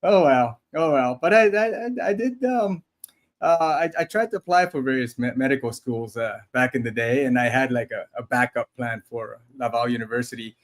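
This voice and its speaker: A man in his forties co-hosts a relaxed livestream chat. His voice sits in a middle pitch, and he talks in a chatty, self-deprecating way, often restarting his sentences. He grew up in Taiwan. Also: moderate pace. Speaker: podcast co-host.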